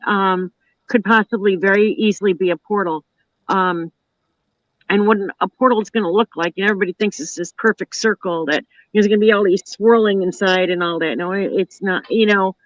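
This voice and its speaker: A woman's voice: medium pitch, no echo. A woman hosts a live online show in a loose, chatty way, piling on "you know" and "like" as she goes. The sound is dull and lo-fi. It is also dry, with no room around her. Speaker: host.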